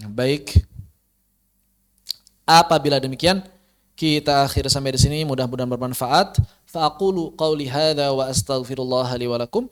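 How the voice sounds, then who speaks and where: A man's voice: mid-range voice, moderate pace, long pauses. A man teaching recitation in an online lesson, explaining patiently and drawing out his examples over a video call.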